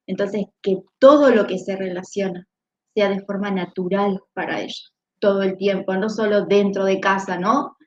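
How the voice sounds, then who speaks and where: A woman in casual chat at a book club, reflective and speaking with soft hesitations. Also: mid-range voice, fairly even intonation, normal speed, muffled recording.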